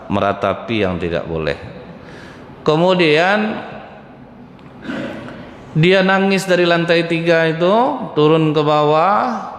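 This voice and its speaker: A male preacher, giving a lively sermon full of stories and constantly addressing the audience as sir and madam. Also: a little high, a little hiss or hum. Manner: addresses audience as Pak and Bu constantly, acts out quoted voices, jokes. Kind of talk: lively mosque sermon with storytelling. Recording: echoey hall with faint ambience.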